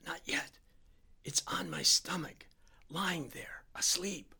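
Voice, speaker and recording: A man voicing a gravely ill, frightened man lying in bed, speaking in a hoarse, straining half whisper, slowly, one word at a time. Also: high-pitched, lively intonation, pushed and bright, voice pushed up, full character voice. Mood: tense whisper. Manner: slow, each word whispered separately.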